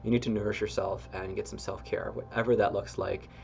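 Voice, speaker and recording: A man as a spiritual teacher giving guided self-help instruction. He talks in an engaged, expressive, gently encouraging way, with soft laughs and relaxed fillers. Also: on the low side, a little fast, vocal fry.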